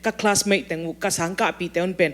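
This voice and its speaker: A woman in casual talk-show conversation, explaining things in a calm, measured way.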